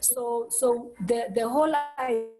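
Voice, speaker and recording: A woman hosting an online meeting over a video call, speaking haltingly and restarting her words often. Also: on the high side, fairly even intonation, music in the background, poor audio. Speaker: host.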